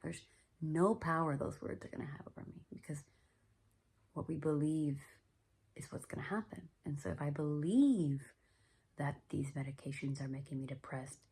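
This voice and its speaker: Low, gravelly-voiced woman speaking softly. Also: normal speed. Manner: soft-spoken, often trailing into a whisper; earnest and self-reflective, with many fillers. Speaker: podcast host. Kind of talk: personal reflective monologue.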